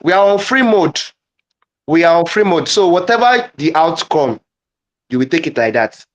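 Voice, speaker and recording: A man with a slightly raised pitch leads a live online lesson demonstration. He talks haltingly, often restarting and repeating phrases as he works out the wording. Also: expressive, muffled recording. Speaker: guest presenter. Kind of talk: live online teaching demo.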